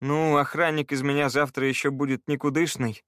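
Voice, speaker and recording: A man's voice: a little high, flat delivery, fairly quick, a bit bright, dry recording, clean studio sound, lightly acted. A man voicing a weary, grumbling young wizard.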